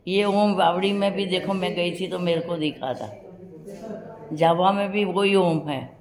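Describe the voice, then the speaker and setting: An older woman tells her memories in a rambling, personal way and acts out the voices of others. Her voice sits somewhat low. The recording is roomy, with a crowd murmuring behind her. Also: unhurried. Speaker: interviewee recalling her past. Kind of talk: personal memoir storytelling. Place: hospital room.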